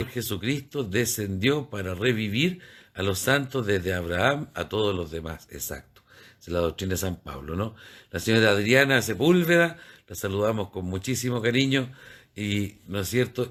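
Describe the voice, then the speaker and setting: Low-voiced priest hosting. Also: male voice, fairly bright tone. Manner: explanatory, spells out terms, asks rhetorical questions. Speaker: priest hosting a church program. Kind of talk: teaching and greeting viewers.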